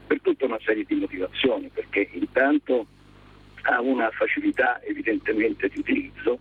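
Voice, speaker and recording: A man heard on speakerphone from his car, his voice husky and rough as it comes over a narrow, muffled phone line. He speaks as a radio guest in a polite, practical, measured way, and sits a little low in pitch. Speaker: guest electrician. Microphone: car hands-free speakerphone.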